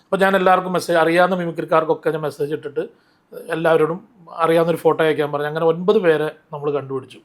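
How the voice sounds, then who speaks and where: A man telling stories in an interview, animated and rambling, often restarting his sentences. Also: on the high side, racing. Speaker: interview guest, mimicry artist. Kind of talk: casual interview storytelling.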